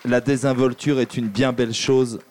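A man's voice: medium pitch, level tone, moderate pace, a little mellow, slight background noise. A man moderating a live book talk in front of an audience, friendly and teasing. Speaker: event host. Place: public hall with audience.

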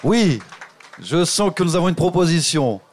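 A man hosting a public reading event, lively and encouraging as he addresses the audience and guests directly. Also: a little high, moderate pace, a faint crowd, a little hiss or hum.

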